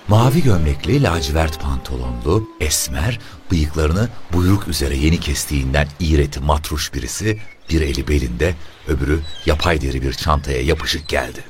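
A man reading a literary story aloud in a deliberate, descriptive way. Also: a bass voice, expressive, over music. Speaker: narrator.

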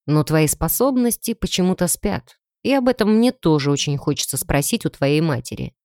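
A woman's lowered voice brings out a composed young male mage from an audiobook fantasy. He sounds confident and reassuring, with a lively, moving intonation. The recording is close and dry. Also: moderate pace, no echo. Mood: calm.

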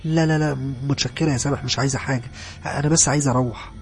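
A man voicing a tired, jumpy young woman journalist with an Egyptian accent, speaking fast in a raised voice. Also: mid-range voice, animated, creaky. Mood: flustered. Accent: Egyptian Arabic.

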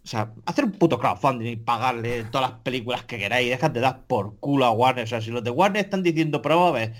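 A man's voice: mid-range voice, quick pace. A man, a podcast co-host ranting in casual chat, profane and exasperated, full of restarts.

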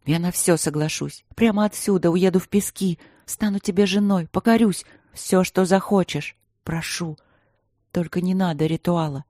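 A woman's voice: lowish voice, normal speed, warm tone, dry recording, clean studio sound, natural voice. A woman voicing a proud, fiery young princess who speaks in an impassioned way. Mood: pleading. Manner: pleading, impassioned.

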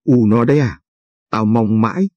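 A man's voice: mid-range voice, normal speed, warm tone, no room sound, highs cut off, natural voice. Male narrator voicing a weary poor peasant father.

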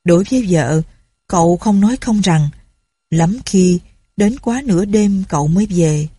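A woman narrating a story in a calm, even reading voice. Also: fairly low pitch, a little slow, slightly rough, no room sound.

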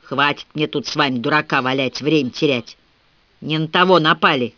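A man's voice: a little high, moderate pace, pushed and bright, no echo. A man playing a surly, grumbling old rustic with a wooden leg. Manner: gruff, grumbling. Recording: dull, dry lo-fi recording.

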